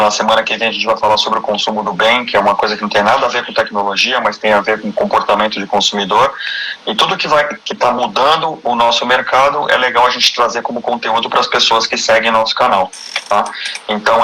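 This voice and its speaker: Brazilian male host, low-ish bright voice, friendly and chatty, restarts a lot. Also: steady tone, quick pace, a little hiss or hum, poor audio. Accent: Brazilian Portuguese. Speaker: host of a live stream. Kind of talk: casual live-stream interview.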